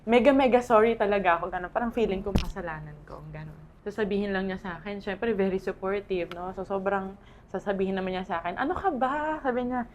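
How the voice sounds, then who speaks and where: A woman's voice: mid-range voice, fast talker. Filipino woman, thirties, candid testimony, laughs often, faint background noise. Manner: candid, laughs often through painful memories. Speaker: guest sharing testimony. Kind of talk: emotional personal testimony.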